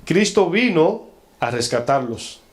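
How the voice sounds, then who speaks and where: A man's voice: a little high, big pitch swings, slow pace. A male pastor preaching a sermon to a congregation. He often asks the listeners questions and acts out quoted lines in a changed voice.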